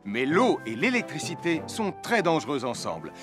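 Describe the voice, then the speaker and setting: A man's voice: fairly high pitch, sing-song, moderate pace. An actor voicing a cheerful adult fireman in a children's cartoon dub, explaining safety rules in a friendly, instructive way. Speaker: safety presenter. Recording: studio voice with music behind.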